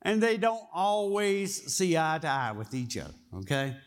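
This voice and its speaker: A man's voice: a little high, very animated, normal speed. A man preaching a sermon, telling the story in a folksy way and often asking his listeners questions. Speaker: pastor.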